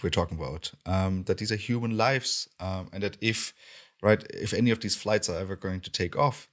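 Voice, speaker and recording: Low voiced guy on a podcast, halting, lots of ums. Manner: halting, many fillers and restarts. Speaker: podcast co-host. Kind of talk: casual podcast commentary.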